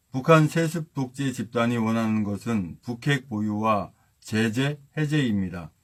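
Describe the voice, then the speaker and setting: A man hosting a political broadcast, giving commentary and reading a formal statement aloud. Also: mid-range voice.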